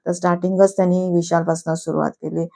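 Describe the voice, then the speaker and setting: A woman's voice: fairly low pitch, little pitch movement, fast, vocal fry, warm tone. A woman giving a casual, chatty review on her YouTube channel, slipping English words into her talk.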